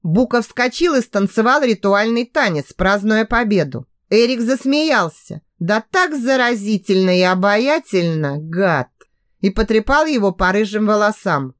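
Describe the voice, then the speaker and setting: A woman narrating a story in the first person, with a sarcastic, expressive delivery. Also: mid-range voice, unhurried, no room sound, clean studio sound. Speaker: audiobook narrator.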